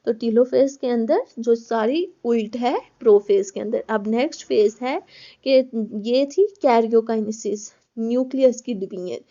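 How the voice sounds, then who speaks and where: A woman's voice: on the high side, unhurried, warm tone, dull audio. A woman, a college biology lecturer, explains step by step in a recorded class, repeating words and calling her students children.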